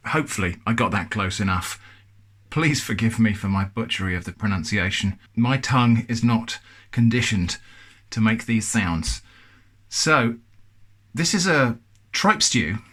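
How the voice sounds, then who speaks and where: A man's voice: medium pitch, fairly bright tone. An English man hosting a casual food review, chatty and thoughtful with a self-deprecating touch.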